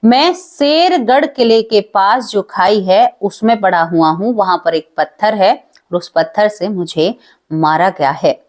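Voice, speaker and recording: A woman's voice: medium pitch, unhurried, darkish tone, close to an everyday voice. A woman voicing the spirit of a murdered husband who speaks through his grieving wife's body, anguished and insistent. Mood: angry insistent.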